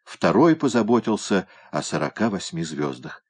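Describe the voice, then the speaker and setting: A man reads a story aloud in a steady, measured way. His voice sits on the low side and never hurries. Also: creaky, slightly rough. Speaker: reader. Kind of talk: audiobook narration.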